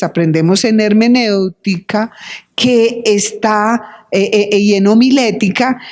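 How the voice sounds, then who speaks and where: A woman preaching a sermon, slow and deliberate, repeating key phrases for emphasis. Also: on the high side.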